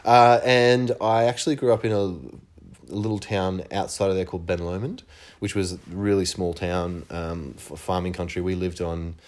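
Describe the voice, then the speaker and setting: A man's voice: deep voice, little pitch movement, moderate pace, darkish tone. A young man from northern New South Wales, a musician being interviewed in casual chat, hesitant and laughing easily. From northern New South Wales, Australia. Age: young adult. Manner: hesitant, many restarts and fillers, laughs easily. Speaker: musician guest.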